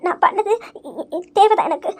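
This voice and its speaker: A woman's voice: extremely high pitch, animated, normal speed. A woman playing a sobbing remorseful young woman. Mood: broken. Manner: sobbing, stammering apologies. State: crying. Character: remorseful young woman, tearful and self-blaming. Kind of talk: audio story acting.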